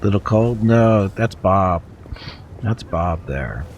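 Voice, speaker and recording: A man with a stuffy head cold chats casually with viewers as he plays through a video game, reading the game text aloud in a livestream. His low-pitched voice is animated, slow and a bit dark, and his manner is chatty and wry as he talks to people in chat. The recording is muffled, with slight background noise.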